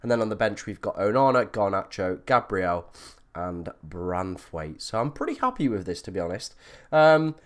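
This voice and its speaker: A male livestream host talks in a chatty, informal way. His voice is croaky and froggy, as he is ill and under the weather. He is self-deprecating as he addresses his viewers. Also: fairly low pitch, very animated, moderate pace. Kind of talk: casual livestream chat.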